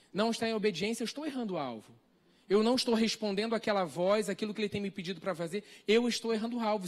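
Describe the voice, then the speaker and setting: A man with a Brazilian accent preaching a sermon, earnest and full of repeated rhetorical questions. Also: high voice. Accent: Brazilian Portuguese. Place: church hall, live stream.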